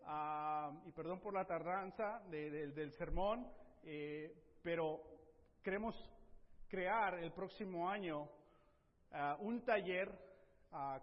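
A middle-aged man, a pastor delivering a church sermon and urging the congregation with repeated amens. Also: fairly high pitch. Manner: exhorting, frequent "amén", drops to soft emphasis at phrase ends. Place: church sanctuary. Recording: dull, roomy church hall recording.

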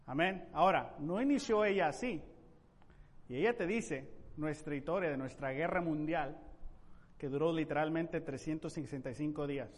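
A man preaching a sermon in an emphatic way, with sudden loud rising questions. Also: on the high side, in a large hall. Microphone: microphone.

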